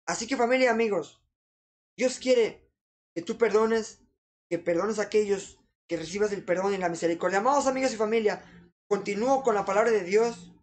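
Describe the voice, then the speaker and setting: An earnest preacher delivering a sermon, pleading with the listeners and circling back again and again to the same fond address. The voice sits at a middle pitch, neither high nor low. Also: a little fast, a little mellow. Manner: repeats "amados amigos" constantly, earnest pleading.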